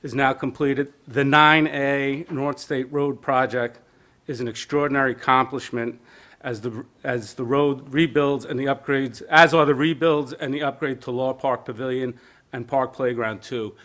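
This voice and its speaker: A man's voice: medium pitch, fairly even intonation, moderate pace, a bit bright. A man giving an informal nominating speech at a local caucus meeting, mixing in joking asides with plainspoken emphasis. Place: community center meeting room.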